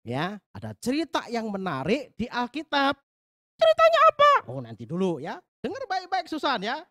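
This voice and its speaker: A man leading a Sunday school lesson, talking to the children in a lively, coaxing way and telling a Bible story. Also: very high-pitched, moderate pace. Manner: animated, coaxing, talks straight to the children.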